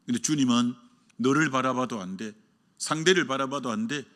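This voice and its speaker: A man, a senior pastor, preaching a dawn prayer sermon, telling a story and acting out its voices with sudden loud rises and hushed drops. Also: medium pitch, brisk.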